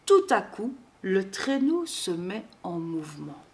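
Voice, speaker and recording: A woman reading a children's Christmas storybook aloud in an expressive, measured way. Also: medium pitch, vocal fry.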